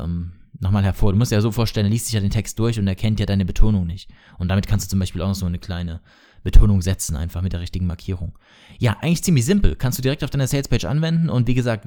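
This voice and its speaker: Chatty guy teaching, talks quick, a bit low, keeps fixing what he just said. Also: dark tone. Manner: chatty, self-correcting, peppered with English marketing terms. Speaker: podcast host teaching sales copywriting. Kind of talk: casual solo lesson.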